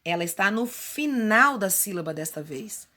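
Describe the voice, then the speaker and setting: Expressive and sharp-toned at a medium pitch, a Brazilian woman teaching primary school leads a remote lesson at a moderate pace. She patiently takes the workbook exercises step by step, sprinkling in diminutives.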